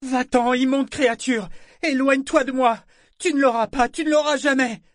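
Brief: man doing a panicked wooden figurehead woman, high shrill screams, dry sound. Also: fairly even intonation, normal speed, fairly bright tone, no room sound. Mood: terrified. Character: terrified female living ship figurehead.

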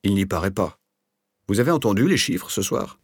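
A man's voice: expressive, normal speed, husky, no echo, studio quality. A man doing a jittery, defensive rentier. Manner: agitated, defensive, raised pitch. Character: anxious, touchy middle-aged male rentier. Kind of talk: audiobook character voice.

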